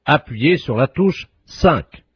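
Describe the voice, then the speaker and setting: A man's voice: on the high side, lively intonation, slow, slightly rough, highs cut off, full character voice. A man playing a phone company's automated operator, reading absurd menu options in a stiff recorded-menu delivery. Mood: deadpan.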